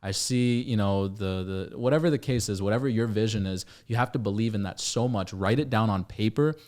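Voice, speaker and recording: A man's voice: lowish voice, fairly quick, a little mellow. A man hosting a podcast in a casual, emphatic, motivational way, swearing freely. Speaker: podcast host.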